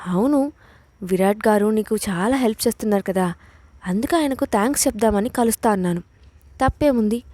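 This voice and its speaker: A woman's voice: medium pitch, fairly quick, warm tone, dry recording, natural voice. A woman voicing a scheming young woman who sounds sugary and pleading while faking concern.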